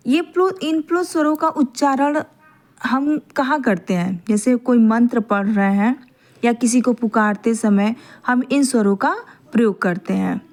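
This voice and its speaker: Woman teacher, fairly high voice, patient explainer who repeats points and checks in with "okay". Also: darkish tone. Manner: repeats points, often adds a checking "theek hai"; draws out vowel sounds slowly to demonstrate. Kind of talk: grammar lesson.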